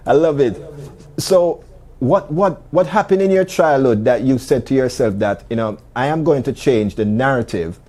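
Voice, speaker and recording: A man with a mellow, dark voice hosts an interview show. He talks in a relaxed, halting way, often restarting his sentences. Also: medium pitch. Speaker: host. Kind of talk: casual interview talk.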